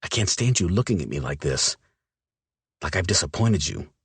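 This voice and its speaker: A man voicing a gruff, protective werewolf man in an audiobook, talking low, tight and intense. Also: big pitch swings, normal speed, no room sound, heavily acted. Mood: tender. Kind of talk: audiobook character voice.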